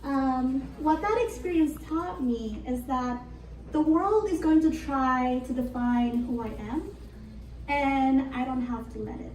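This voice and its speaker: Young woman from Argentina, native Spanish speaker, high mellow voice, earnest conference speaker, heard from a distance. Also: slow pace, slight background noise. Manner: earnest and reflective, with light laughs. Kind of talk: prepared motivational talk. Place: conference hall. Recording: roomy hall, voice from a distance.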